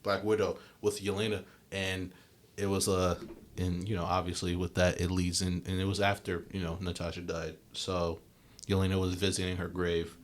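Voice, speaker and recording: A man's voice: low-pitched, little pitch movement, normal speed, a little hiss or hum. A young man co-hosting a casual podcast, rambling with lots of fillers and restarts. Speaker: podcast co-host. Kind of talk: casual chat.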